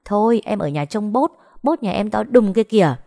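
A woman voicing a carefree young woman in a storybook reading, bold and jokey, her voice raised higher. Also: lively intonation, moderate pace, gravelly, mellow. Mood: teasing. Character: cheeky carefree young woman, teasing and playful.

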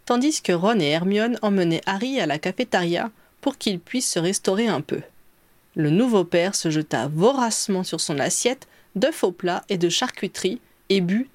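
A woman narrating a story as an audiobook, clear and even in her telling. Her voice sits at a middle pitch, and the recording is dry and close with no room sound. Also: normal speed, no room sound. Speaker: reader. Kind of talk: audiobook narration of fan fiction.

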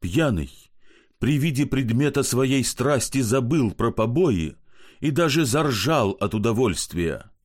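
Male audiobook narrator, lively intonation, expressive. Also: lowish voice. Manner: expressive storytelling.

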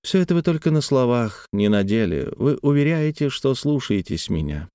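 A man reading the lines of a reserved, proud young woman in a measured, slow and restrained way. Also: medium pitch, sing-song, dark tone, clean tone, no echo, studio quality, natural voice. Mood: reproachful.

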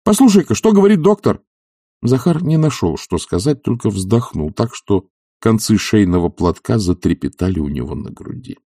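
A man narrating an audiobook in an expressive, lively style. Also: low voice, moderate pace, no room sound, studio quality. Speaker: audiobook reader. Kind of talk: scripted narration.

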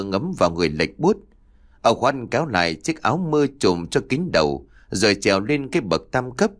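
A man reading a horror audiobook aloud with expressive storytelling. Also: lowish voice. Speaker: audiobook narrator. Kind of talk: scripted horror story narration.

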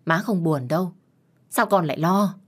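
A woman voicing a long-suffering mother who pleads gently with her husband and scolds sharply. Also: on the low side, moderate pace, natural voice. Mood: gentle. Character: long-suffering mother, patient then defiant.

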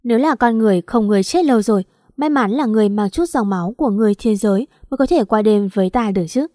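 A woman's voice: on the high side, fast talker, warm tone, no echo, clean studio sound, close to an everyday voice. A woman voicing a domineering, contemptuous male king in an audio story, speaking in cold commands. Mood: cold contempt.

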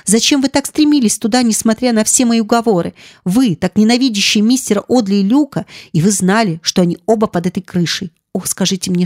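A woman's voice: darkish tone, no room sound, studio quality, lightly acted. A woman voicing a terrified young maid who pleads and sobs breathlessly in an audiobook. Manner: sobbing, breathless, high-pitched cries. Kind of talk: audiobook dialogue.

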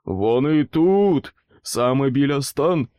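A man voicing a menacing male living boot in a storybook, with a low, slow, threatening growl. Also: wildly swooping pitch, gravelly, fairly bright tone, heavily acted. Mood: yelling.

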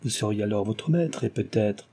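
A man voicing an anxious, scrupulous young woman in an audiobook, with a dark, husky voice. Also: on the low side, animated, normal speed, heavily acted. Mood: earnest.

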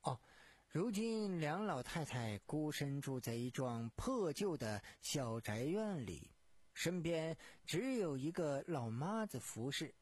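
A gossiping townsman who sighs over sad news as he shares it, put on by a male storyteller. He speaks slowly in a lively, rising and falling voice with a husky edge. The sound is close and dry. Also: on the high side, dry recording, exaggerated voice. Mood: confiding. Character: male townsman giving a detective leads.

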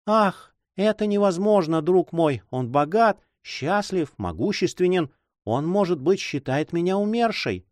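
A man's voice: sits high, very animated, unhurried, darkish tone, no room sound, clean studio sound, voice pushed up. A man reading aloud, voicing a grieving noble lady who speaks in sighs and tears. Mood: sorrowful. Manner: sighing, tearful delivery.

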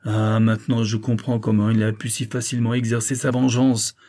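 A man reading a novel aloud, voicing a tormented, vengeful banker father who shouts and falters. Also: on the low side, completely flat delivery, a little fast, lightly acted. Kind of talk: audiobook character reading.

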